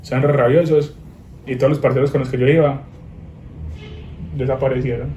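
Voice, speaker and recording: Young man, animated slangy storyteller, mellow tone, faint hiss. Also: brisk, reverberant. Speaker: guest. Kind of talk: casual chat. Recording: noisy low-quality recording.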